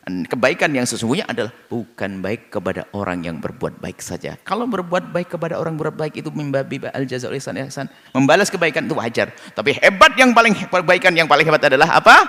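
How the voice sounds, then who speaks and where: A man preaching a sermon, animated, swinging between loud outbursts and soft murmurs. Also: mid-range voice. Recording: long hall reverb.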